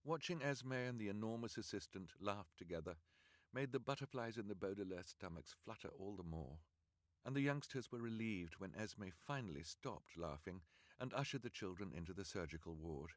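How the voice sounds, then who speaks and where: A man reading an audiobook aloud on a livestream, in an expressive, measured way. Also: lowish voice, dry recording, clean studio sound. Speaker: audiobook reader.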